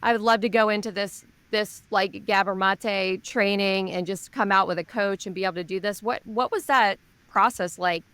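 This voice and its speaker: An enthusiastic woman hosts a podcast interview, chatty and warm in manner. Her voice sits at a medium pitch and sounds dry and close, with no room echo. She asks long, rambling questions. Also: steady tone, normal speed, few pauses, clean tone. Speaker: podcast host. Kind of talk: casual interview chat.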